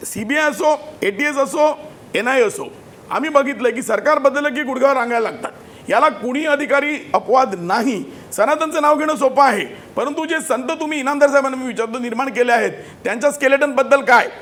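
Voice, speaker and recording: High-pitched fast-talking man arguing hard. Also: a bit bright. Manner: combative, talks over others, accusing. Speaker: lawyer debating on a TV panel. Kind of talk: heated TV panel debate.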